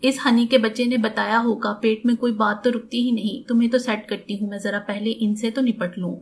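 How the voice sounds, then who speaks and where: A woman's voice: on the high side, steady tone, slight background noise, natural voice. A woman voicing a sassy, talkative twenty-year-old woman doctor in an audiobook, cheeky and defiant.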